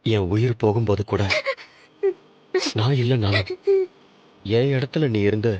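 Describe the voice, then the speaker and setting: A man playing an elder brother in a TV serial, gently comforting and reassuring his sister. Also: on the low side, a little slow, muffled recording. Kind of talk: TV serial acting.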